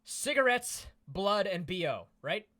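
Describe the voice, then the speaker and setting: A young man with a nasal voice co-hosts a casual livestream and tells stories with deadpan jokes. His pitch is lively and a bit high. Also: unhurried. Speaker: stream co-host. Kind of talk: casual chat.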